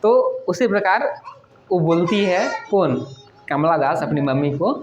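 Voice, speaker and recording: A woman's voice: on the low side, measured pace, a little mellow. Echoey lecture by a woman teacher. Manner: explanatory, keeps asking the class "okay?" and answering her own questions. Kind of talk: classroom lecture explaining a poem. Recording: echoey, dull lo-fi room recording with faint noise.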